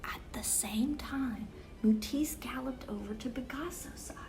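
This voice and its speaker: At a children's story time, a woman reads picture books aloud with expressive, carefully measured phrasing aimed at young listeners. Her voice sits high over a noisy background.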